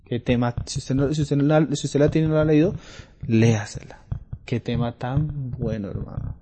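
A man preaching a sermon, talking through Bible passages and reading scripture louder. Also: mid-range voice, normal speed. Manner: conversational Bible teaching, rising loud for scripture readings.

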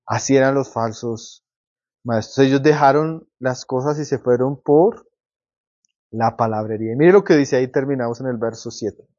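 A man preaching a sermon with passion, swinging between loud emphatic lines and quiet low ones, calling his listeners brothers. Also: normal speed, lo-fi sound. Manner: repeats and addresses listeners as brother.

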